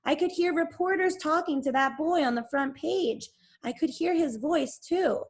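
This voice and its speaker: Storybook boy, worried and breathless, slightly gravelly as a woman reads him. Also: high-pitched, moderate pace, pitched above the performer's own voice. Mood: troubled. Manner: breathless, murmuring.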